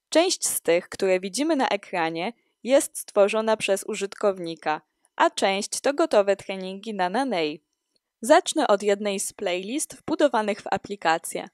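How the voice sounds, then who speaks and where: A woman reading a scripted walkthrough of an app in a steady, explanatory way. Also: medium pitch, dry recording, clean studio sound. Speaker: student presenting an app.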